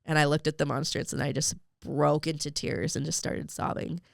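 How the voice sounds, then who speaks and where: A woman's voice: deep voice, little pitch movement, moderate pace, creaky, no room sound, clean studio sound. Young woman telling an emotional story. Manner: emotional storytelling with many fillers. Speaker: podcast guest. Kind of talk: personal faith story in an interview.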